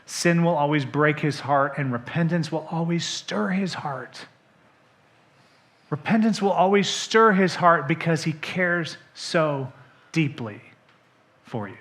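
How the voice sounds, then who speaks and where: A man preaching a sermon to his church, moving between soft, hushed lines and loud, emphatic points, speaking straight to the congregation. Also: a little high, a little slow. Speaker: pastor. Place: church sanctuary.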